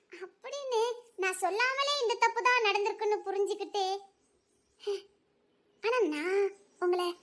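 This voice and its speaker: A woman's voice: extremely high pitch, fairly bright tone. An actress playing a remorseful young wife and college student, speaking tearfully with her voice breaking into shaky laughs. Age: young adult. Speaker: young wife in a drama series. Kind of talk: emotional drama acting.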